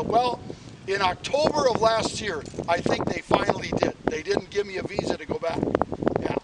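A man outdoors in a park, earnestly speaking to a stuffed toy as if it answers, with repeated affirmations. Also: high voice. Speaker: vlogger addressing a toy companion. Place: outdoors in a wooded park by a sign. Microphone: camera several feet away. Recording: distant camera mic with loud wind noise.

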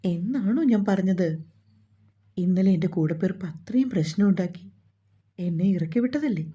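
A firm, teasing grown man in a storybook romance, voiced by a woman narrator, speaking in a dark, mellow and husky voice. The sound is dull and lo-fi. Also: mid-range voice, expressive, moderate pace. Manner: teasing, firm, matter-of-fact. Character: grown man, loving husband and firm son. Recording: dull lo-fi recording.

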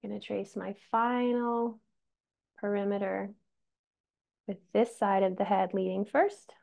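A middle-aged woman guiding chair yoga in a soothing, gentle instructor's manner with a creaky voice. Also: medium pitch, fairly even intonation. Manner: soothing, gentle yoga-teacher delivery, unhurried cues. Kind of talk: guided yoga instruction, calling breaths and movements. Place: small indoor room at home. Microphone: video call, a few metres from the camera. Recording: dull lo-fi video-call audio.

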